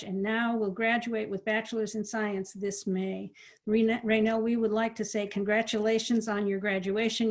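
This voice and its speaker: A woman moderates an online policy briefing, thanking and introducing speakers with warm encouragement. Her voice sits at a middle pitch and her delivery is smooth and steady. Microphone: video call.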